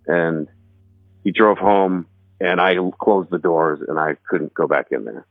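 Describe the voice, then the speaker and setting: A musician from Texas recounts a ghost story in his woodland home in a deep voice, speaking a little slowly. His recollection is casual and meandering, with restarts, and the audio is dry and thin like a phone, with no echo.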